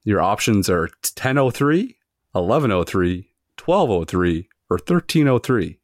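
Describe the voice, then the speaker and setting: A man's voice: on the low side, sing-song, measured pace, no echo, clean studio sound. A man hosting a casual podcast, reading out trivia questions and multiple-choice options to his friends and swearing freely. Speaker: podcast host running trivia quiz.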